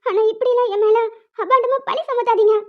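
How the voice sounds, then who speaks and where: A woman's voice: extremely high pitch, fast. A woman voicing a young village woman who pleads and cries when she is accused. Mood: tearful. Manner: pleading, tearful. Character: young village woman Kaviya, tearful, hurt. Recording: muffled lo-fi sound.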